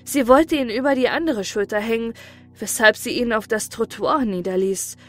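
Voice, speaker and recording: A woman narrating a classic story as an audiobook in a calm, even storytelling voice. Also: a little high, moderate pace, faint music behind.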